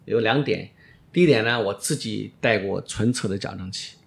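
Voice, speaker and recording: A middle-aged orthodontist being interviewed explains things casually and emphatically, often repeating his phrases and dropping in English words. His voice sits on the low side, creaky, at a normal speed.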